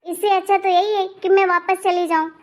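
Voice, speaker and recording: In animated family drama dialogue from a cartoon, a woman voices a young married daughter at an extremely high pitch, keeping to a narrow band of notes with a steady, brisk delivery. The character is hot-tempered, sulky, and sharp-tongued, sounding angry, indignant, and demanding.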